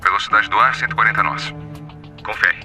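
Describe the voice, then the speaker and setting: An actor playing a calm male airline pilot in the cockpit, his voice distant as if heard over a headset. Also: fairly low pitch, brisk, faint music behind. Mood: routine.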